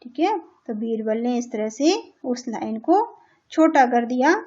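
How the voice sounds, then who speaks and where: High-voiced Indian woman teaching children. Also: lively intonation, a little slow, a little mellow. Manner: patient, repeats and translates each line, checks with "theek hai". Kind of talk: explaining a children's English lesson in Hindi. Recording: dull lo-fi recording.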